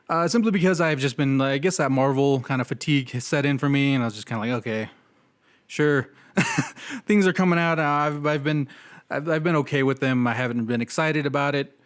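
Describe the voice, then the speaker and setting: A young man hosts a casual movie review podcast at an easy, relaxed pace. His voice is mid-pitched and ordinary, and his talk is loose and self-deprecating, full of fillers and quick laughs. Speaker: podcast host.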